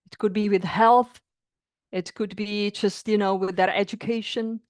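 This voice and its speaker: A woman's voice: medium pitch, no room sound, clean studio sound. A middle-aged woman from the Republic, earnestly sharing a personal experience in heartfelt, searching words. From Czech Republic. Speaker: coaching client. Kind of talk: reflective personal testimony.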